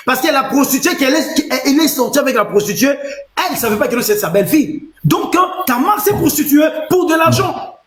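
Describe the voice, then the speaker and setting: A man, a preacher, arguing insistently and loudly in a heated debate, reading scripture aloud. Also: very high-pitched, animated, fairly quick, reverberant, slight background noise.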